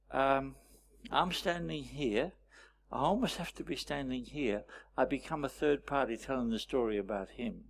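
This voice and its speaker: A man leading a storytelling workshop, teaching with wry anecdotes and frequent pauses. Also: medium pitch, creaky, a little hiss or hum. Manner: anecdotal, wry, pausing often. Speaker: workshop presenter.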